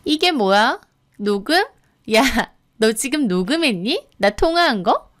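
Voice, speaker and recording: A woman's voice: on the high side, very animated, unhurried. A woman voicing a young sister-in-law who mocks and threatens with open contempt, in a radio drama. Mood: scornful. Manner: mocking, contemptuous, menacing.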